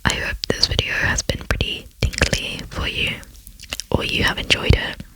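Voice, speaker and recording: An ASMR channel host whispers softly at normal speed while talking through gameplay, though the audio is poor. The talk is rambling and chatty, with lots of fillers and self-deprecating asides.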